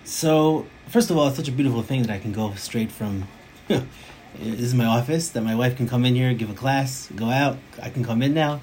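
A man giving a Torah class from his home office, talking in an animated way, restarting phrases and mixing in Hebrew terms. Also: medium pitch, normal speed, a little hiss or hum, rough recording.

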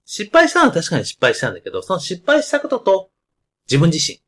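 Guy with a big booming voice doing a podcast solo, pitch jumps all over, lots of ums. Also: huge pitch swings, fast. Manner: loud, carrying voice; talks in explanatory asides with many fillers. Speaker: podcast host. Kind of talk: casual explanatory monologue.

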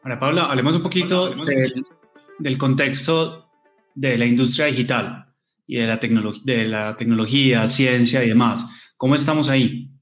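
A male host putting a question to his guest at a middle pitch, pausing hesitantly to find his words. The room rings with echo and faint music plays underneath. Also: steady tone. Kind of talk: interview questions. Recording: echoey room with music behind.

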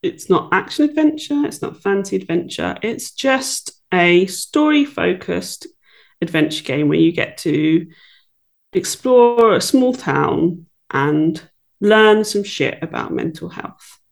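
A woman's voice: on the low side, sing-song, slow pace, vocal fry. A woman guest on a casual podcast who talks enthusiastically and bluntly and laughs easily.

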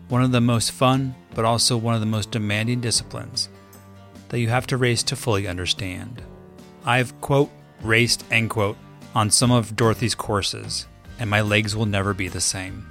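Male podcast host, low voice, measured scripted read, soft music underneath. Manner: measured and formal when reading. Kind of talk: scripted podcast intro and interview questions. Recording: faint music behind the intro.

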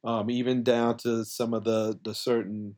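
A man from talks as a podcast guest in a medium-pitched voice. His delivery is casual and colloquial, explaining as he goes with plenty of conversational filler. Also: level tone, a little slow, a little mellow. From coastal South Carolina, US. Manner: conversational, colloquial, frequent "like" and "you know". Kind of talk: casual explanatory interview talk.

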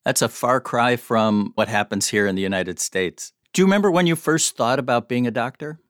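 Male host, measured and polite, dry studio read. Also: mid-range voice, fairly bright tone, no room sound. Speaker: podcast host, editor. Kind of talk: scripted intro and interview questions.

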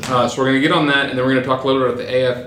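A man's voice: mid-range voice, flat delivery, very fast, fairly bright tone. Chatty man hosting, echoey room. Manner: rambling, chuckling, many fillers. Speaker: podcast host. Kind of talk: casual podcast chat. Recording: echoey room with faint noise.

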